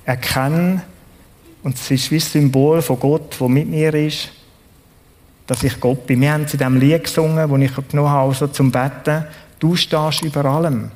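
A man with a Swiss German accent delivers a sermon in an earnest, conversational tone. His voice sits a little higher than most men's. He keeps checking in with his listeners through quick tag questions. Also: steady tone, darkish tone. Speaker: preacher.

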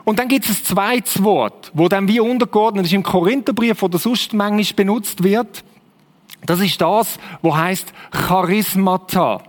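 A man's voice: high voice, measured pace. A man with a Swiss German accent preaching a conversational sermon in a church hall, often asking the listeners rhetorical questions. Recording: long hall reverb.

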